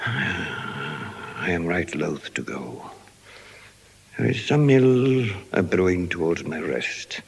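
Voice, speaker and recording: Slow, low-voiced old Shylock. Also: male voice, very animated, gravelly, slight background noise, full character voice. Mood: uneasy, brooding. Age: older. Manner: declamatory, deliberate, grumbling. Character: suspicious, miserly old moneylender and stern father. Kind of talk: classical Shakespearean stage acting. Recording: long reverberant hall studio drama.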